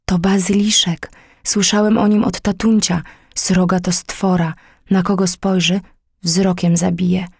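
A woman's voice: lowish voice, little pitch movement, measured pace, vocal fry, breathy edge, no echo, clean studio sound, heavily acted. A woman doing a grave boy in whispered role-play. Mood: hushed. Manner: grave, hushed. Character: serious, protective young boy.

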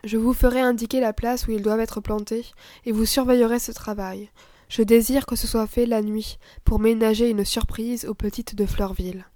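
A woman's voice: on the high side, fairly even intonation, moderate pace, no room sound, natural voice. A woman voicing a gracious, tender aristocratic mother who speaks with dignity. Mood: courteous. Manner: gentle, dignified.

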